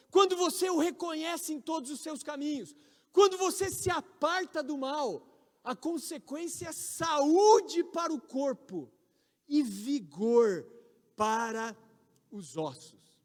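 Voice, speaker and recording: A Brazilian man in his forties, a pastor, preaching a sermon with emphatic, loud peaks on key words. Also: extremely high pitch. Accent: Brazilian Portuguese. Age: 40s. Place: large church hall. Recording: reverberant church hall.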